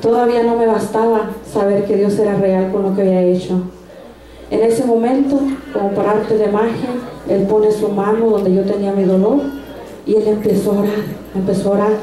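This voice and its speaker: Her voice medium-pitched and mellow, a woman recounts her personal faith journey at a church service with earnest feeling and many restarts, in a room that echoes.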